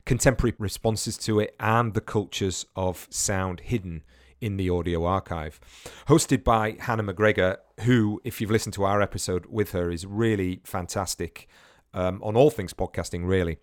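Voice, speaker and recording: A podcast host with a lowish voice chats casually on his own, rambling and often restarting or repeating words. The sound is studio quality with no echo, recorded on a remote podcast setup with headphones.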